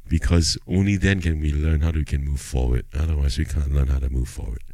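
Casting: male podcast host, Singaporean accent, low voice, colloquial Singlish-tinged chat, close dry sound. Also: fairly even intonation, fairly quick, a little mellow, no room sound. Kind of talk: casual conversation in Singlish-tinged English.

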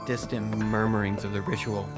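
A man's voice: lowish voice, little pitch movement, moderate pace. A man narrating a first-person horror story in a suspenseful, theatrical manner. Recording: prominent music behind voice.

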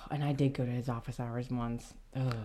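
A woman's voice: very deep voice, flat delivery, moderate pace, warm tone. A woman co-hosting a horror podcast, chatting casually and laughing often. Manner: giggly, chatty. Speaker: podcast co-host. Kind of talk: casual chat.

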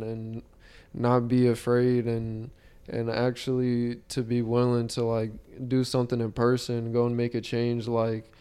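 Young man, frat-bro slang, even intonation, smooth mellow voice, earnest casual podcast chat. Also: medium pitch. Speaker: podcast host.

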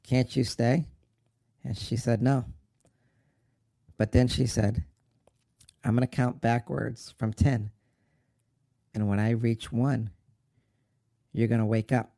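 An actor plays a heartbroken young man grieving his mother, delivering a dramatic monologue in a slow, halting, tearful and pleading way full of sorrow, like a sincere radio-drama lead. His medium-pitched voice is mellow yet creaky with a gravelly edge, with fairly even intonation. The sound is close and dry with no echo.

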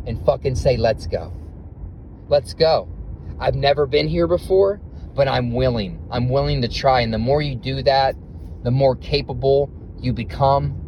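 A man delivers an intense, profanity-laced motivational monologue while driving. He keeps firing off rhetorical questions. He is captured as low-quality phone audio, with clear car and road noise underneath. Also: muffled recording. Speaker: podcast host. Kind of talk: motivational self-talk monologue. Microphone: phone recording.

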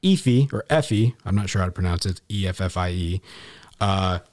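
Guy cohosting a podcast, lowish voice, rambles and swears a lot. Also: level tone, a little fast. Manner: rambling, profane, restarts sentences. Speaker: podcast co-host. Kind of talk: casual chat.

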